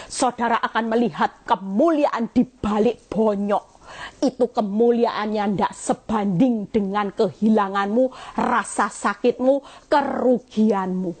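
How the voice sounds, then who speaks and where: A woman's voice: medium pitch, slow, a little mellow. A middle-aged woman evangelist, preaching an emphatic sermon on a live stream into a phone and addressing her listeners directly.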